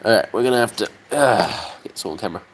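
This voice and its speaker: Talking fast with lively intonation, a young Australian man with a lowish voice chats aimlessly while working on a model. He curses freely and keeps pausing with ums and trailing off, over slight background noise on a rough recording.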